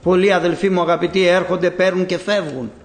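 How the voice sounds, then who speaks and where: A high-pitched man delivers a sermon with fervent, insistent repetition. His loudness swings from hushed asides to emphatic calls. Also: steady tone. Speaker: preacher.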